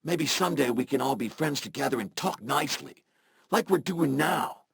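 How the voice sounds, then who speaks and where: A man's voice: medium pitch, animated, moderate pace, vocal fry, noisy background. A man voicing a laid-back, friendly male robot in a video game, with a robotic filter on his voice and a casual, slangy way of talking. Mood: mellow.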